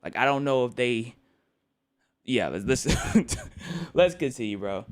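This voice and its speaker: A weary young man rambles through casual late-night stream chatter, joking with viewers and frequently repeating or restarting his words. He speaks slowly in an expressive mid-range voice.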